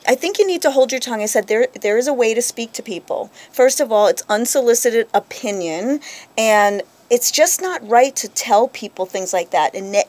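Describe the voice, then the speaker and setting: A woman in her thirties hosting a radio talk show, venting and telling stories in a lively, chatty way. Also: medium pitch. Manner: animated storyteller, quick to vent. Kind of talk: casual chat.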